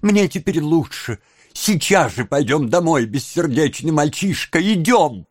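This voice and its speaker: A man voicing a hysterical young woman who wails and pleads loudly in shrill exclamations. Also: animated, unhurried, breathy edge, no room sound, studio quality. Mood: pleading.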